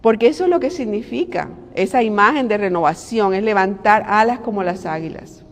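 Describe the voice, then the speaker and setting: A middle-aged woman giving a devotional sermon in an animated, conversational way, full of rhetorical questions. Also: medium pitch, fairly quick. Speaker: preacher and devotional host. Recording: long hall reverb.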